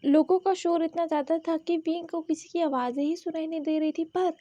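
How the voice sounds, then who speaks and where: A woman's voice: extremely high pitch, steady tone, a little fast, mellow, dry recording, lo-fi sound. A woman telling a fan fiction story in a dramatic storytelling style, repeating phrases for emphasis.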